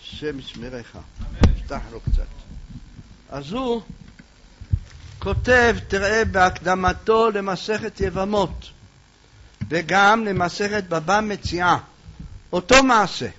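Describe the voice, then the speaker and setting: A man teaching a religious lesson as an animated storyteller, asking questions and speaking straight to his listeners. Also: high-pitched, long pauses, slight background noise. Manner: animated storyteller who asks questions and addresses listeners directly. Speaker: rabbi teaching a Torah lesson. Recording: dull lo-fi recording.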